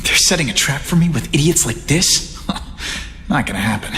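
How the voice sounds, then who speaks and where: A man's voice: on the high side, expressive, normal speed, bright, forceful tone, a little hiss or hum. A man playing a young, wisecracking but earnest American superhero in a video game. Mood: wry. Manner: quippy, earnest. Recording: long reverb, clear background music.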